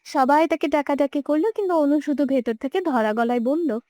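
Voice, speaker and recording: A woman's voice: sits high, normal speed, dark tone, no echo, studio quality. A young woman narrating a romantic audio story with emotive, dramatic delivery. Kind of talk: scripted narration.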